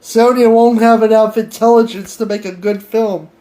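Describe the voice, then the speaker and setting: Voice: mid-range voice, steady tone, normal speed, dark tone. A podcast host chatting casually with an AI, giggling and stammering through restarts. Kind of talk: casual improvised chat with an AI.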